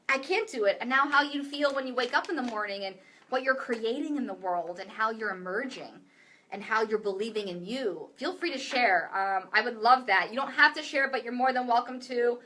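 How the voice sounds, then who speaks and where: A woman's voice: fairly high pitch, sharp tone. A woman mentor talking casually to camera, candid and profane, full of filler likes. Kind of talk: casual direct-to-camera talk.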